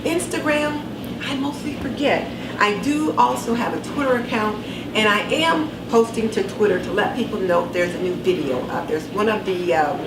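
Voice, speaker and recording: A woman's voice: mid-range voice, normal speed. A woman in her sixties chatting casually to camera in her kitchen, her speech slightly impeded by wearing dental retainers. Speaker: vlogger. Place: home kitchen, indoors. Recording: roomy, distant camera mic with clear background noise.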